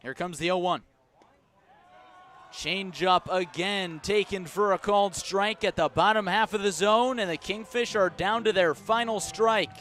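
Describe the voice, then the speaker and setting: The radio play-by-play man describes the baseball action outdoors in clipped phrases that escalate with each play. He speaks in a high-pitched, fairly bright voice at a measured pace.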